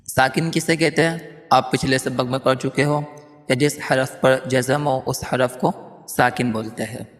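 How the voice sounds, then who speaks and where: A man teaching a Quran reading class, quickly explaining rules and slowly chanting the letter sounds. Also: mid-range voice. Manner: spells letters out in a slow chant; quick, gentle explanations between drills. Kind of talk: online lesson. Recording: long reverb, faint music behind.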